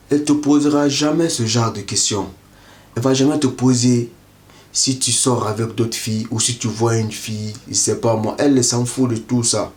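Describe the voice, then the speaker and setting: A man giving dating advice straight to the viewer in a casual monologue, who keeps checking if the listener understands. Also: on the low side. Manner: repetitive, keeps asking "tu comprends?".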